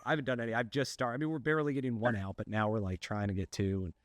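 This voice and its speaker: A man hosting a casual interview with quick, conversational questions. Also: medium pitch, fairly even intonation, dry recording. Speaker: interview host.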